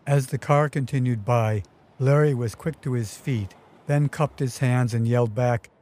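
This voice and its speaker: A man's voice: mid-range voice, moderate pace, a little mellow. A man narrating his own memoir story in a vivid, wry storytelling manner. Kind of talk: first-person memoir narration.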